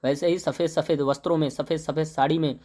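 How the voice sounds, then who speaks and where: A young male teacher explaining a poem line by line, slowly reciting the verse and then paraphrasing it in plain speech with fillers. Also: on the high side, steady tone, dark tone.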